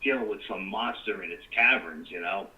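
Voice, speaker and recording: A man's voice: low voice, moderate pace, pushed and bright, recorded from a distance, low-quality recording. A middle-aged man, a guest rambling through a story in casual talk with plenty of "you know". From New York.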